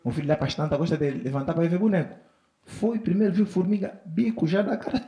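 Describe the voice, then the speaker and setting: A man's voice: high-pitched, fast, warm tone, echoey room, a little hiss or hum. A man with an Angolan Portuguese accent doing stand-up comedy on a festival stage, telling family stories and acting out his son and wife in shifting voices.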